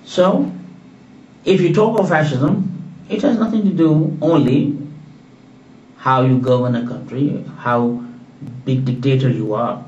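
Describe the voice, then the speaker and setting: A man's voice: medium pitch, measured pace, pauses often, darkish tone, distant mic, a little hiss or hum. Man, earnest author, hammering points home; dull, lo-fi, roomy recording. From Pakistan. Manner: emphatic, repetitive, lecturing. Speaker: author presenting his book. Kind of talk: earnest solo talk to camera.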